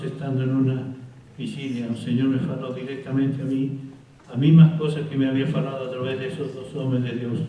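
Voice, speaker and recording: A man's voice: medium pitch, mellow. An older man from Chile preaching a testimony sermon, speaking Spanish mixed with words and building to exhortation, recorded from a distance in a large hall. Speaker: pastor. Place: large hall at a pastors' conference. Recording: very echoey hall, distant mic, faint noise.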